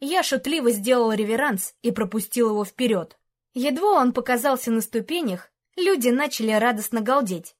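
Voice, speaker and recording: A woman reading a fantasy story aloud in an even, storytelling delivery. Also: on the high side, moderate pace. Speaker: narrator. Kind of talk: audiobook fantasy narration.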